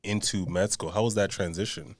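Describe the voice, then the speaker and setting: Low-voiced man asking questions. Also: fairly even intonation. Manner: asks questions, quick affirmations. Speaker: podcast co-host. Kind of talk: casual podcast interview.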